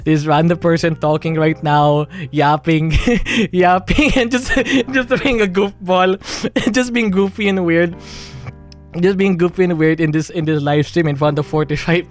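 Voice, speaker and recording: Over soft background music, a young man from the Philippines gives an emotional monologue on his livestream at a measured pace. His voice is slightly high and Filipino-accented, and he rambles with frequent restarts and nervous laughter.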